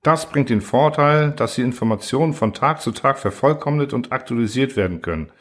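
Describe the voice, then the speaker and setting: A man's voice: mid-range voice, slightly rough, close to an everyday voice. A man voicing a male presenter who formally explains a new kind of encyclopedia.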